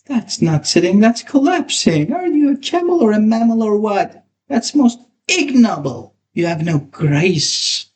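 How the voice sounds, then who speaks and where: A man's voice: high-pitched, big pitch swings, measured pace, a little mellow, voice pushed up. A man voicing a pompous older woman who teaches etiquette, prim and scolding, slipping in French phrases.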